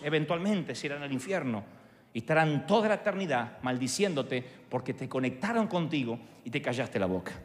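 A man with an Argentine accent preaching a sermon in a large church hall, animated and humorous. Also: on the high side. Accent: Argentine Spanish. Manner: animated, humorous storytelling with acted voices. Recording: echoey hall with long reverb.

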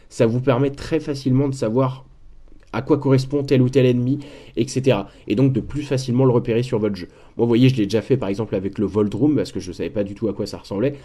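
A man's voice: mid-range voice, quick pace, mellow. A man giving casual, chatty commentary while showing gaming guide websites, with frequent repeats and fillers. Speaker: gaming walkthrough creator. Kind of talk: casual screen-share commentary.

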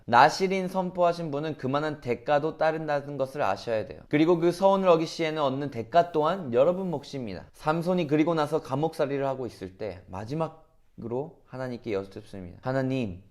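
A man's voice: on the high side, a little mellow. A man preaching as a youth pastor in an earnest sermon, often putting rhetorical questions to his listeners.

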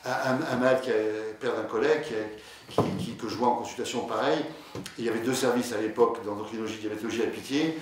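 A man's voice: medium pitch, fast talker. A man, a diabetologist, giving a conversational conference lecture, hesitant with many fillers and restarts, telling patient anecdotes. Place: lecture hall. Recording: echoey hall, distant mic, faint noise.

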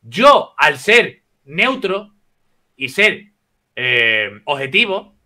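A man's voice: fairly high pitch, big pitch swings, very slow, sharp tone. A man in his forties in a live online debate, insistent and demanding not to be interrupted. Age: 40s.

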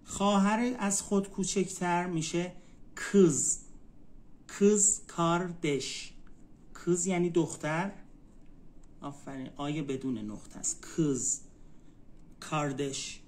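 Brief: male tutor, slightly high voice, drills vocabulary with slow repeats, patient one-on-one lesson. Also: darkish tone. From Iran. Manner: repeats words slowly, spells them out for a student. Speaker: Turkish language tutor.

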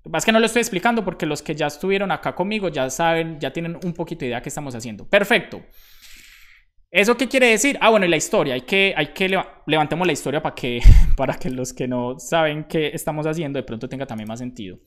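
A man, live-coding for viewers in a relaxed, chatty way, thinking aloud as he works and joking about his own slips. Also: fairly high pitch, fast talker. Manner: thinks aloud, talks to himself while typing. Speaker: programmer streaming live. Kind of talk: casual live-coding tutorial.

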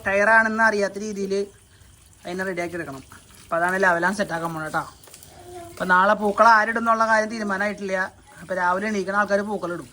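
A woman's voice: mid-range voice, steady tone, fast talker, pushed and bright. A woman, chatting casually in a family vlog while directing helpers outdoors. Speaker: vlogger. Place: outdoor home yard.

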